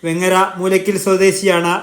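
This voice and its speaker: A man's voice: sits high, completely flat delivery, moderate pace. A man reading scripted local news narration as a reporter's voice-over.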